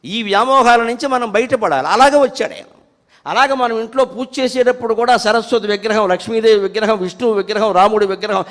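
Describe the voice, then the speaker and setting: High-voiced man giving a devotional discourse. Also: fairly bright tone. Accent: Telugu. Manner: chants verses slowly and fervently between plain explanations. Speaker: spiritual speaker. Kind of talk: devotional discourse with sung verses. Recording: hall reverb.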